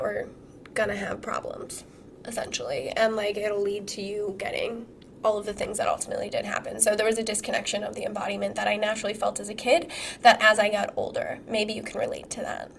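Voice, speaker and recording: Hoarse woman coaching on a live masterclass. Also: medium pitch, fast, a little hiss or hum. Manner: casual, swearing, animated rhetorical questions. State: hoarse from being sick. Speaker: trauma healing coach.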